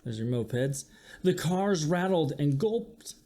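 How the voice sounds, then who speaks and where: A medium-pitched teacher's voice reads a picture book to young listeners, going slowly, full of expression and acted-out sound effects, with friendly asides addressed to the children.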